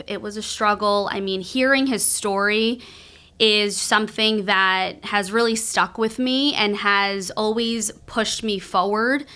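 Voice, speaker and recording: A woman's voice: mid-range voice, bright, forceful tone, clean tone. A young woman from Colombia, a podcast guest telling her family's story in an earnest way. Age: young adult. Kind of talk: interview answers.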